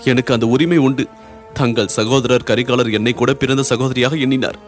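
A man's voice: medium pitch, fairly even intonation, normal speed, faint music behind, lightly acted. A man voicing a grieving young noblewoman who pleads through sobs. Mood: pleading. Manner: sobbing, imploring.

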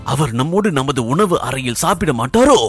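A man's voice: fairly high pitch, sing-song, normal speed, husky, faint music behind, pitched above the performer's own voice. A man voicing a proud middle-aged minister and father who questions sharply and sarcastically. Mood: angry.

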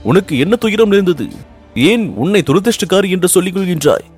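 A man's voice: on the high side, expressive, fairly quick, husky, soft background music, voice pushed up. A man reading aloud and voicing an anxious young prince in love, speaking earnestly and pleadingly. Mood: anguished. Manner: earnest, pleading, rising with emotion. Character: young Pandya prince, ardent and anxious lover.

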